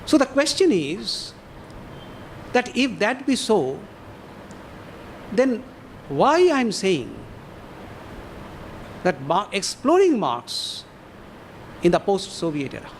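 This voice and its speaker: Slow, animated Indian-accented male lecturer. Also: high-pitched, a little hiss or hum. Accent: Indian English. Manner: deliberate, poses rhetorical questions, measured pauses. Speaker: professor giving a lecture. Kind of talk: academic lecture. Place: lecture gathering with an audience.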